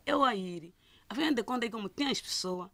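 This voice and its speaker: A middle-aged woman gives a personal testimony as a listener, halting and often restarting and repeating words. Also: a little high, lively intonation, fairly bright tone, no echo. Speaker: listener telling her story.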